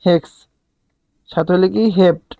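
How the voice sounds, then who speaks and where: A male chemistry teacher from Bangladesh gives a recorded lecture in a casual, colloquial way with dialect forms, asking questions and answering them himself and counting aloud. His voice is high, mellow, a little slow and fairly even in intonation, in a dry recording.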